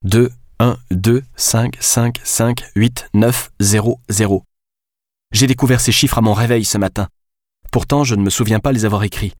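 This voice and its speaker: A man's voice: lowish voice, steady tone, a little slow, a little mellow, no echo, clean studio sound. A man reading an audiobook, voicing a panicked young female police detective who talks urgently and snaps at people. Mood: puzzled. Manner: urgent, desperate, snapping.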